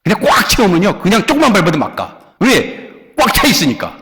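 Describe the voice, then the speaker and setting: A male pastor delivers a sermon in a fairly high voice that swings widely in pitch. He drives home key words by repeating them, dropping from loud stresses to soft asides. His voice rings with the long reverb of a church hall. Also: huge pitch swings, fairly quick, husky. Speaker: senior pastor. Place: church sanctuary.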